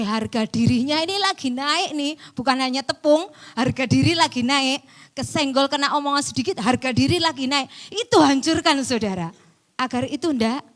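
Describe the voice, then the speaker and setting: A woman preaching a sermon, dropping to near-whispers and then rising to loud, emphatic bursts, laughing now and then. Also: high voice. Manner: laughs between points, mixes in local slang.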